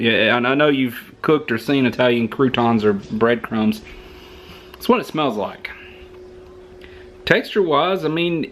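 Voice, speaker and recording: A man's voice: a little high, a little hiss or hum. Chatty Southern man reviewing food. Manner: chatty, rambling, joking.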